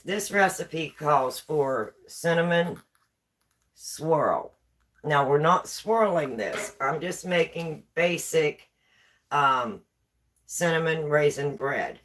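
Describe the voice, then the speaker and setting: A woman with a West Virginia accent hosts a casual baking live stream from her home kitchen, chatting away and repeating herself as she reads viewer comments. Her voice sits low with a fairly bright tone. Sound comes from a camera on a tripod.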